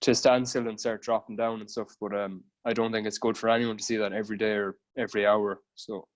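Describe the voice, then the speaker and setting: A man's voice: fairly low pitch, little pitch movement, fast. A man from Galway with a west of Ireland accent, explaining things informally as a guest personal trainer in a casual podcast interview.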